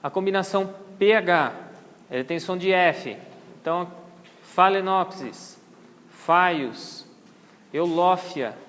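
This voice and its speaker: A man's high voice echoes as if in a large hall while he gives a patient lecture on botanical name pronunciation to an orchid society in a botanical garden meeting room. He has a Brazilian Portuguese accent and checks in with his audience.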